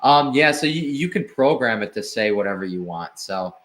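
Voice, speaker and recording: A man who founded an agency, a podcast guest explaining his work in relaxed casual chat, with many fillers. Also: mid-range voice, moderate pace.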